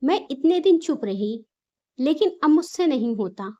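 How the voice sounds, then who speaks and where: A woman voicing an angry, stubborn older mother-in-law in a spoken storybook, talking in a sharp, scolding, insistent way. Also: high-pitched, lively intonation, measured pace, lo-fi sound.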